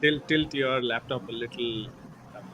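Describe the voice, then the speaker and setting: A man hosting a live online session, talking in a halting way with many fillers. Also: mid-range voice, noisy background.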